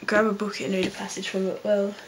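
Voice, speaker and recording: A young Australian woman speaking casually and offhandedly in a vlog, reading out prompts and answering them in a low-key way. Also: monotone, fast talker, over loud music. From Blue Mountains, New South Wales, Australia. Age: young adult. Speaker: vlogger. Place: small bedroom, indoors.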